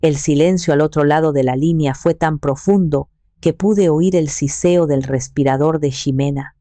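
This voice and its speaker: A woman narrating a first-person dramatic story in a measured, cold manner. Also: deep voice, warm tone, no room sound.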